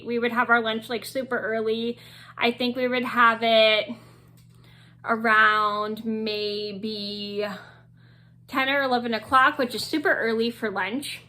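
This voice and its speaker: A woman's voice: on the high side, pushed and bright. A young adult woman telling a school story to her vlog audience in a rambling, casual way, with many restarts and fillers. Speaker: vlogger.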